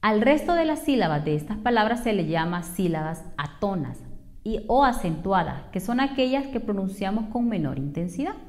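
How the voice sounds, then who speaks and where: A woman teacher with a Honduran Spanish accent, narrating a spelling and accent lesson and saying example words slowly and carefully. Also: mid-range voice, big pitch swings, a little mellow. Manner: slow, careful over-enunciation of example words.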